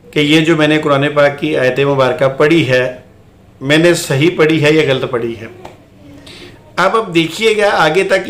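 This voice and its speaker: A man talks viewers through a debate clip in an argumentative, insistent way, returning to his point again and again. His voice sits fairly high. The room around him rings with echo. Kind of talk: argumentative commentary.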